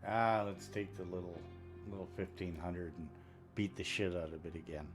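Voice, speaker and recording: A man's voice: sits low, over music. A man missing his two front teeth, chatting casually and matter-of-factly in a rambling way as he live-streams a video game. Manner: rambling, unhurried, matter-of-fact. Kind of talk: casual live-stream chat while gaming. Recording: steady background noise.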